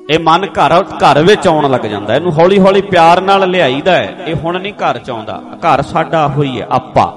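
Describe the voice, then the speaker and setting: A man giving a slow, explanatory religious sermon, now and then chanting rhythmically. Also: a little high. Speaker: Sikh preacher. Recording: music clearly behind the voice. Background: instrumental music.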